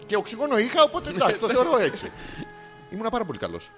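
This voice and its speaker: A Greek man co-hosting a podcast, trading jokes and laughter in loose, profane banter. His voice sits high and swings widely in pitch. Clear music plays underneath the chat. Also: wildly swooping pitch. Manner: joking, laughing, swearing often. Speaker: podcast co-host. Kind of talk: casual banter. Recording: music playing behind.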